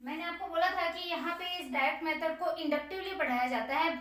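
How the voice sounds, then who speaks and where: A woman teacher giving an exam-prep lecture, explaining step by step and dictating key points slowly word by word. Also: extremely high pitch, fairly bright tone. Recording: very echoey room, voice from a distance.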